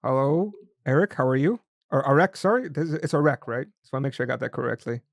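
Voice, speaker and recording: A podcast host with a gravelly, medium-pitched voice talks at a quick pace in casual interview chat. He speaks loosely and thinks aloud while setting up his questions, with no room sound audible.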